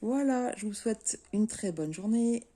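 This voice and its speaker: Mellow-voiced French woman chatting. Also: fairly low pitch, normal speed. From France. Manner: relaxed, easygoing, many fillers. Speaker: craft vlogger. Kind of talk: casual chat to camera.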